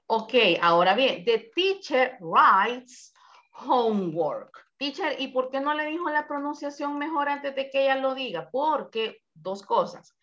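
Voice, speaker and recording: A woman's voice: sits high, animated, normal speed, hardly any pauses, a bit bright, muffled recording. Give me a patient woman English teacher on a call. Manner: explains patiently, switches into English examples. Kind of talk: online class instruction.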